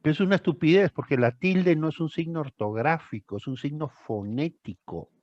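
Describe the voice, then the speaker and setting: A man's voice: fairly high pitch, moderate pace, dry recording. Older male tutor, emphatic and repetitive, dry lo-fi call audio. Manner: emphatic, repeats phrases for stress. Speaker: thesis tutor. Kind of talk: one-on-one tutoring session.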